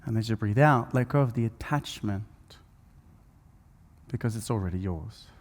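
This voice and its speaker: Man guiding breathwork in a hall. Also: fairly low pitch. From Norway. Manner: soft, slow guiding voice with many fillers. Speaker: speaker guiding a breathwork session. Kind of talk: guided breathing meditation. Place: large event hall with live audience. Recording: long hall reverb.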